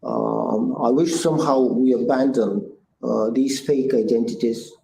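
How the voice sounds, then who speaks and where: A Bulgarian man in his sixties, a guest entrepreneur, answers interview questions earnestly and thoughtfully in a Bulgarian accent, with lots of "uh" fillers and restarts. His mid-range voice is steady, dark and touched with vocal fry, moving at a measured pace. The room is echoey, with faint noise in the background.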